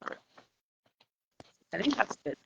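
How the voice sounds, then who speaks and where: A woman's voice: unhurried, muffled recording, background noise. A woman hosting a podcast over a live video stream on her phone, chatty and laughing often. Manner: chatty, laughs often, soft-spoken at the start. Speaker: podcast host. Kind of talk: casual live-stream chat. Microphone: phone on a live video call.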